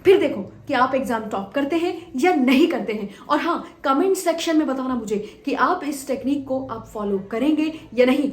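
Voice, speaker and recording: High-voiced woman teacher, echoey room. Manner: acts out student dialogue, repeats phrases for emphasis. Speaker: teacher giving exam tips. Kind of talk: motivational talk to students with a told story.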